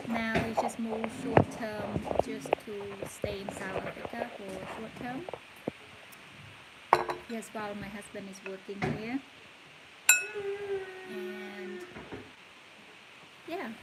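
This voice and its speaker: Slow-talking woman from Cambodia, noisy kitchen. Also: mid-range voice. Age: 30s. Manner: unhurried, chatty, coaxes her toddler in between. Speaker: vlogger and mother. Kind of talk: casual chat to camera. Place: home kitchen. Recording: home video with loud background noise.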